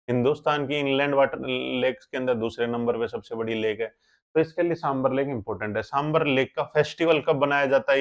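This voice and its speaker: A man teaching a current affairs lesson for exam students, explaining step by step and often asking questions before answering them himself. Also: mid-range voice. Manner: explains step by step, keeps asking rhetorical questions and checking with "theek hai?".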